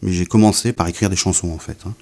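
Man, middle-aged, lowish voice, hesitant, repeats himself, casual interview. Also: fairly even intonation, fast talker, gravelly, darkish tone. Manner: hesitant, repeats words, many fillers. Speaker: poet, interview guest.

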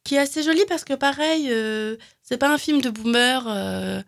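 A woman with a gravelly, creaky voice chats casually about films. She hesitates often, filling gaps with fillers and restarting her sentences. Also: high-pitched, moderate pace. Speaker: film recommendation guest. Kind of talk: casual radio film chat.

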